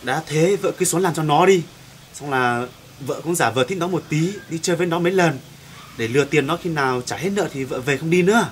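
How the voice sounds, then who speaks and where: A man's voice: a little high, fairly quick, a little hiss or hum, lightly acted. A man playing a broke, scheming husband in a comedy sketch, coaxing and pleading. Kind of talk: amateur comedy sketch acting.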